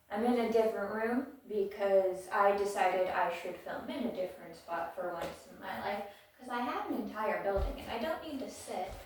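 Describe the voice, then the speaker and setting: A woman's voice: mid-range voice, darkish tone, a little hiss or hum. A woman chatting casually and reading a comic aloud, mumbly and rambling, a little out of breath, in a large cold room. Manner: mumbly, rambling, self-deprecating. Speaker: reader of a comic book on video. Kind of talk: casual chat and read-aloud. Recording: very echoey room, mic far off.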